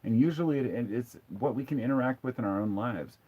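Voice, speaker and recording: A man's voice: mid-range voice, fast talker, highs cut off. A man hosting a casual live stream, reading viewer comments and answering them in a blunt, profane, sarcastic way. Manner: conversational, with frequent restarts.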